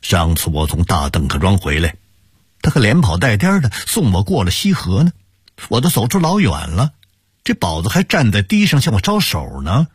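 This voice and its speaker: A man voicing a middle-aged man home from a journey, husky. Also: fairly low pitch, very animated, normal speed, no room sound, clean studio sound, pitched above the performer's own voice, full character voice. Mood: disbelieving. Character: middle-aged man returning home, brisk, later stunned.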